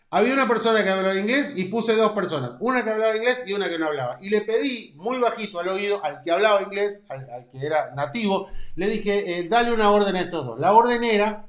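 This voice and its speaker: A man in his thirties with a Rioplatense Spanish accent leads a Bible study, animated and emphatic. His voice sits fairly high and often rises for emphasis. The room gives his words a noticeable echo. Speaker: Bible teacher.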